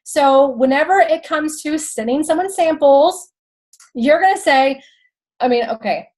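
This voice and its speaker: A woman's voice: high voice, a little slow, darkish tone, rough recording. A woman in her thirties with a Texan accent, giving chatty tips as a direct-sales host with laughing asides. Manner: chatty, laughing asides, addresses viewers as y'all. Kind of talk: casual how-to talk.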